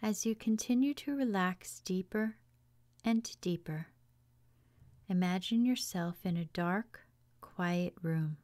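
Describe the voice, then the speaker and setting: A woman leading a guided relaxation meditation in a soft, hushed, soothing voice, leaving long pauses between phrases. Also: lowish voice. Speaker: yoga teacher guiding meditation.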